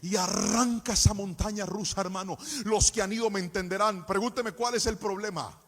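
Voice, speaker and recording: A man preaching from the pulpit, his voice pitched high and ringing with a long hall echo. He swings into a lilting, sing-song cadence and pushes up to full shouts at the peaks. Between the peaks he tells personal stories. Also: normal speed. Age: adult, married with a child. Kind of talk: sermon with personal storytelling. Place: church service. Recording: echoey church hall.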